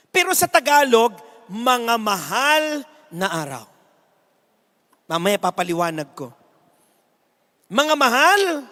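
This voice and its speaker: A male priest giving a sermon with a humorous anecdote, an animated storyteller mixing jokes and teaching, recorded in a reverberant church hall. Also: very high voice.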